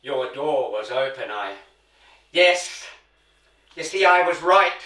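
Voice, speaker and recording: A man playing a weary, haunted older man, speaking slowly and quietly, recorded in a roomy space off mic. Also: mid-range voice, expressive. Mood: troubled. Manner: slow, quiet, deliberate and troubled. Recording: roomy echo, distant mic.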